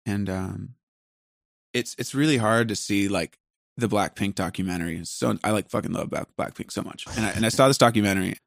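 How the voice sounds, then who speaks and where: A man's voice: lowish voice, brisk, creaky, dry recording, clean studio sound. A man hosting a podcast, talking casually in a rambling, self-deprecating way that jumps between thoughts. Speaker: podcast host and musician.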